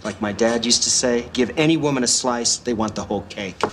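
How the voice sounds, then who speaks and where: A man's voice: medium pitch, fairly quick, a bit bright, lightly acted. An actor playing a boastful car salesman. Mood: smug, bitter. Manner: smooth, wisecracking sales patter. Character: boastful middle-aged male car salesman. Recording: TV movie audio with clear background noise.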